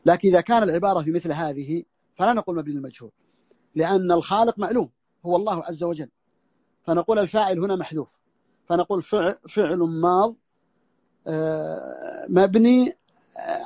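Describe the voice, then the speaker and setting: A scholar teaches a classical text in an audio lesson, his voice set high for a man. He repeats key phrases and restarts sentences as he works through each point. The sound is dry and close, with no room around it. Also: a little mellow, no echo. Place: audio lesson over a social media voice room.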